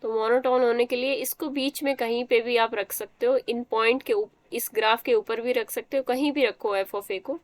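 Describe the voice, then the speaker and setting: A woman's voice: on the high side, fairly even intonation, normal speed, hardly any pauses, no echo. A young woman teaching a math class, explaining step by step and quizzing students as she goes. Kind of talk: live online math class.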